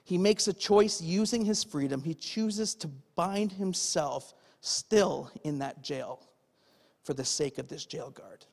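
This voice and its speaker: A pastor preaching a conversational sermon, often checking in with "okay?" and asking the congregation questions. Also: male voice, on the high side, slow pace, gravelly, darkish tone. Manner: asks the audience rhetorical questions. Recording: long hall reverb.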